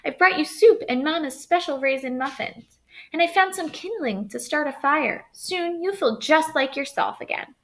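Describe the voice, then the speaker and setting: A woman's voice: high voice, lively intonation, moderate pace, fairly bright tone, pitched above the performer's own voice. A woman voicing a sweet, trusting little girl in a storybook, innocent and earnest. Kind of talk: storybook read-aloud.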